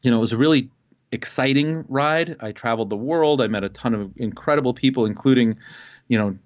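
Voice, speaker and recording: A man from Costa Rica, a guest entrepreneur, telling his life story in a relaxed way with many pauses and fillers. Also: medium pitch, lo-fi sound.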